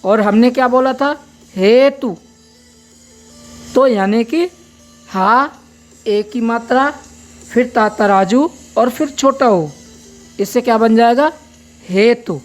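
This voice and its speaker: Slow, patient woman teaching a lesson. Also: fairly high pitch, soft background music. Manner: patient, spells words out and explains step by step. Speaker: braille teacher.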